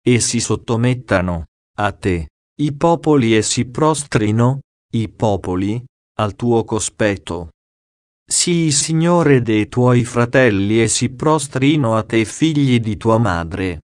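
Slow solemn male scripture reader. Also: mid-range voice, expressive, darkish tone, no room sound, clean studio sound. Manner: slow, solemn, measured delivery. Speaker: audiobook reader.

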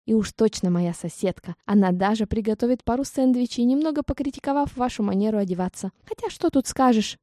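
A woman reading the lines of a flustered young heroine who chatters nervously, her voice a little higher than in narration. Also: fairly quick, hardly any pauses, mellow, no echo, studio quality, natural voice.

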